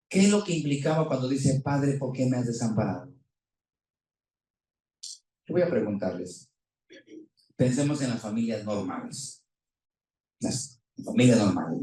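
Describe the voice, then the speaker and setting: A man's voice: medium pitch, dark tone. Man preaching in an echoey hall. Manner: impassioned, rising and falling, rhetorical questions. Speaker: pastor. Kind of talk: sermon. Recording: echoey room, voice from far off.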